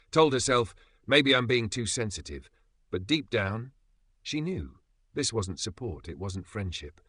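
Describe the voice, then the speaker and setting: Male narrator, low and punchy, for scripted motivational voice-over; deliberate emphatic phrasing, recorded dry and close. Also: pushed and bright, dry recording. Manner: measured, emphatic delivery with dramatic pauses. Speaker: channel narrator.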